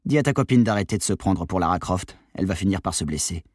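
A man's voice: sits low, lively intonation, quick pace, a little mellow, husky, no room sound, clean studio sound. A man voicing a cool, mocking male fugitive who talks down to two teenagers. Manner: sneering, condescending. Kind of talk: audiobook character voice.

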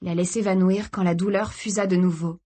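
Woman, audiobook narrator, scripted narration, steady dramatic reading, mid pitch. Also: fairly quick, slightly rough.

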